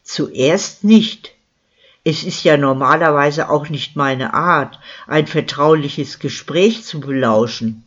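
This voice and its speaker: A man's voice: a little high, fairly bright tone, exaggerated voice. A narrator voicing a boastful, lying male village miller with a smug, self-important manner, on a dull lo-fi recording. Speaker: character in a crime story.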